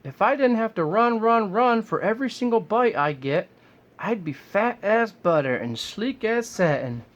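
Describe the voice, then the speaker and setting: A man's voice: sits high, expressive, moderate pace, muffled recording. A man voicing a scrawny, greedy, grumbling lion while reading a storybook to a young child. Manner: grumbly, self-pitying.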